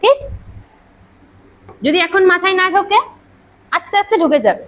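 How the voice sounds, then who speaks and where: A woman teacher, lecturing a classroom on grammar. She keeps quizzing her students with rhetorical questions and scolds them briskly. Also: very high voice, fairly bright tone, poor audio.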